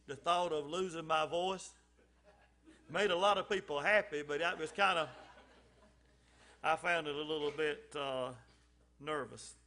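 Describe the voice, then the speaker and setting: This lay speaker at church has a slightly high, sharp voice, talks a little slowly, and pauses often. His informal message is folksy and chatty, dotted with ums and restarts, and he builds emphasis on key lines.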